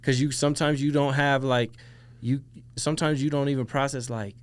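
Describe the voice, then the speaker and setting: A man's voice: mid-range voice, fairly even intonation, brisk, no room sound. A man as a podcast guest, talking in a laid-back, slangy way and often saying "bro". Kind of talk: casual conversation.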